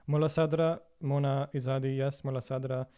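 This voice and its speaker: A Swedish man, Swedish being his first language, hosts a casual livestream Q&A and answers viewer questions thoughtfully with frequent fillers and restarts. His medium-pitched voice is clear, mellow and resonant, in a level tone at a slightly fast pace.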